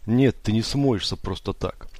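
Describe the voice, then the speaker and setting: A man voicing a panicky, loud male film producer in an audiobook, yelling and hysterical. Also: fairly low pitch, measured pace, dry recording.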